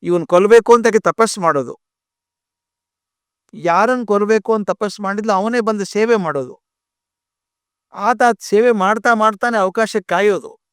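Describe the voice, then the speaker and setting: An older man, talking in a fairly high voice as he tells an epic story. His delivery is animated, and he acts out the characters' lines. The sound is dry and close, with no room echo. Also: normal speed, long pauses, clear, resonant tone. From India. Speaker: storyteller and speaker on epics. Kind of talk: spoken storytelling lecture.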